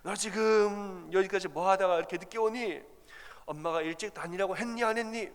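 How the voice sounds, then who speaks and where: A man voicing a nagging middle-aged mother who scolds her son in a shrill tone. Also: brisk, big-room sound. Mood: scolding.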